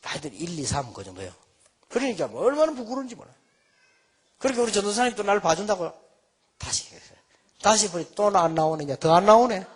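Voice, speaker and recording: Man, fifties, preacher, high lively voice, husky, folksy storytelling. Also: fairly quick, pauses often. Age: 50s. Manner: folksy, animated storytelling with self-mocking humor. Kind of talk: storytelling sermon.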